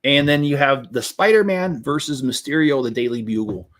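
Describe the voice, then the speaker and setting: Fairly bright in tone, with medium pitch and a moderate pace, this man hosts a Lego vlog. As he builds and assesses new sets, his chat is relaxed with a touch of sarcasm.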